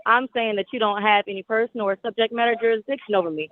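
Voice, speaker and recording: A woman's voice: a little high, steady tone, very fast, a little hiss or hum. A woman calling into a court hearing over a clipped phone line, arguing in an insistent, legalistic way and repeating her claims. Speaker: tenant defendant appearing remotely. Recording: tinny dry phone line.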